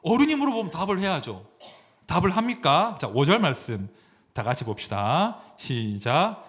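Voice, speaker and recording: A man's voice: on the high side, sing-song, normal speed, fairly bright tone. A man, a pastor, preaching a sermon, asking the congregation questions as he goes.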